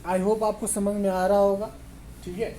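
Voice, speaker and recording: Slow, patient male English teacher. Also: high voice, little pitch movement, dark tone, slight background noise. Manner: slow, repetitive, checks understanding often. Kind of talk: spoken English lesson in Hindi.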